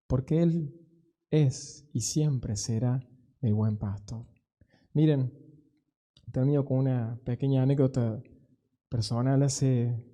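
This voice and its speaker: Pastor, male, young adult: very dark, mellow voice, earnest sermon delivery with slow emphatic pauses. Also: medium pitch. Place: church.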